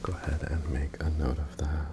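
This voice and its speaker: A man in an ASMR role-play as an attentive, courteous tailor, breathy and softly presenting his wares to a customer. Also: a bass voice, flat delivery, moderate pace, heavy background noise. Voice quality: breathy, mostly soft-spoken.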